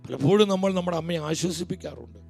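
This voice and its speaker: A fast-talking male preacher gives a fervent sermon in a high, gravelly voice, veering from loud proclamation to quiet pleading while soft music plays in the background.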